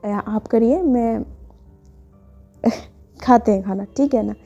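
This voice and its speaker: A woman's voice: fairly high pitch, takes it slowly, warm tone. A woman voicing a caring young woman who scolds her partner firmly but fondly. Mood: scolding fondly. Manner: firm, scolding yet fond. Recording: dull lo-fi with faint music.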